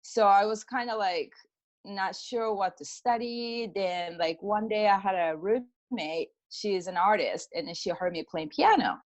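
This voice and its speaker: A middle-aged Japanese woman, a pianist and energy healer, tells personal stories as an interview guest, speaking a little slowly in a mid-range voice with a Japanese accent. Her talk is casual and informal, full of "like," and she acts out the exchanges she quotes.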